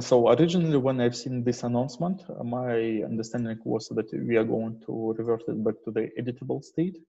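This developer meetup presenter is a man whose husky, warm voice sits at a medium pitch, and he speaks in a halting way during his informal slide-based technical talk. His video call microphone gives a dull, muffled, lo-fi sound.

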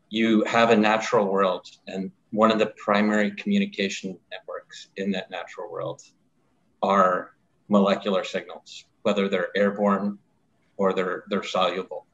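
A man's voice: fairly low pitch, fairly bright tone. A man speaking as a company chief and systems engineer in a panel discussion, casual and plain-spoken. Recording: slightly muffled lo-fi audio.

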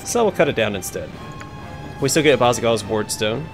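A man's voice: medium pitch, expressive, brisk. A man hosting a let's play, talking casually through his game as he goes. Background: game music.

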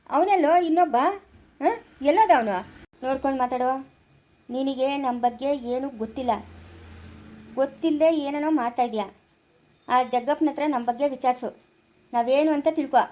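A woman acts out a fearless young police inspector who fires off taunts fast in a high voice. The lines come quick and emphatic, in a homemade family skit. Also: dark tone, lightly acted. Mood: defiant. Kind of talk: amateur family skit acting.

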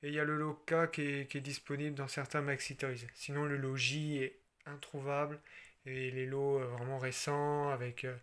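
A man from France casually showing his toy car collection, chatty and relaxed, with frequent fillers and restarts. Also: medium pitch, moderate pace, smooth. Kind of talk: casual show-and-tell.

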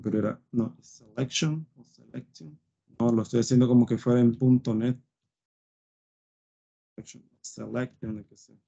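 A man's voice: mid-range voice, a little slow, vocal fry, long pauses, mellow, slightly rough. A man teaching a live web design coding lesson, thinking aloud with fillers and often checking "¿sí?" with his students. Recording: dull lo-fi screen recording.

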